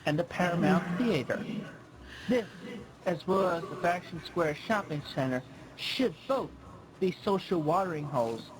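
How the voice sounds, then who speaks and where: A man's voice: high-pitched, animated, moderate pace, noisy background. A man reading his own scripted personal narration in an earnest, pleading way, listing his traits one by one. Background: music.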